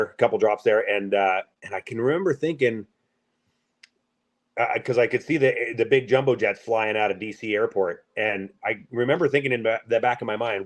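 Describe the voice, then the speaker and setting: A man from the Pacific Northwest, a truck driver, telling a story in a casual, rambling, halting way with many fillers. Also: fairly low pitch.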